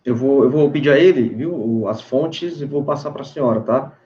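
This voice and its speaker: A man interviewing a guest in a relaxed, conversational way, often adding tag questions. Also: medium pitch, normal speed. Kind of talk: casual interview chat. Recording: dull lo-fi sound.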